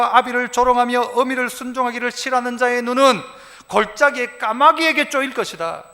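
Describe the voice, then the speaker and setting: A male pastor delivers an animated sermon, acting out little scenes of dialogue as he goes. His voice sits very high and bright, and it swings widely in pitch. The sound carries a long church-hall reverb. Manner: animated preaching, acts out quoted dialogue. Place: church sanctuary.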